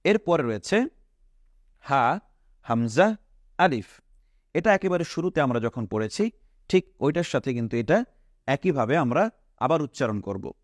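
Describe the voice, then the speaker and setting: A man's voice: a little high, big pitch swings, moderate pace, no room sound, studio quality. A man teaching Arabic letter pronunciation in a recorded lesson, patiently drilling each sound and asking the viewer to repeat after him. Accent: Bangladeshi Bengali. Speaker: Quran teacher.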